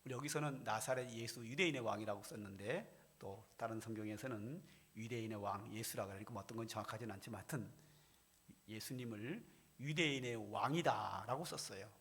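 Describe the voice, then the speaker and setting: A man's voice: on the low side, a little fast, fairly bright tone. A middle-aged male senior pastor preaching an expository sermon in a church, reading scripture and animating the quoted voices of the crowd. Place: church sanctuary.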